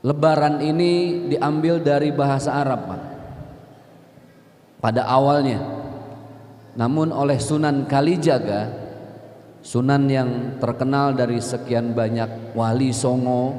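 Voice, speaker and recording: A man's voice: mid-range voice, fairly even intonation, slow, pauses often, warm tone. A man preaching to a congregation in a chatty way, joking with the crowd and asking them questions. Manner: chatty, jokes with the audience, asks them questions. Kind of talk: lively religious talk to a congregation. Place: gathering hall. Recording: echoey hall with long reverb.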